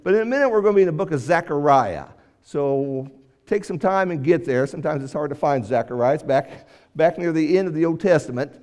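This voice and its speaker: A man's voice: on the high side, a little mellow, clean tone. A man preaching a sermon lesson to his congregation in a conversational way, often repeating and restarting phrases. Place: church auditorium. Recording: hall reverb.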